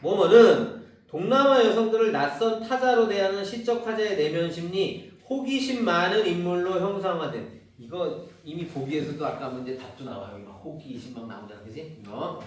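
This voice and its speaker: A middle-aged man from Seoul lecturing a class as a cram school literature teacher, casual and teasing, often checking in with "right?". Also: high voice. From Seoul, South Korea. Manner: casual and chatty, teasing, keeps asking "right?". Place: large classroom. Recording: echoey classroom from far off, faint noise.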